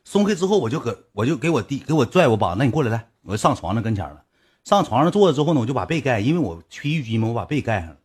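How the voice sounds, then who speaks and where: Animated storyteller with a Northeastern Mandarin accent. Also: male voice, racing, husky. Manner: animated, swings from low mumbles to high excited bursts. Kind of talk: casual anecdote telling.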